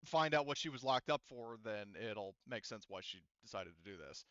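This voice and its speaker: A man running a tabletop roleplaying game explains things casually and off the cuff, halting as he thinks aloud and checks the rules. His medium-pitched voice is bright and clean, with lively intonation. The sound is close and dry with no room sound, though slightly dull.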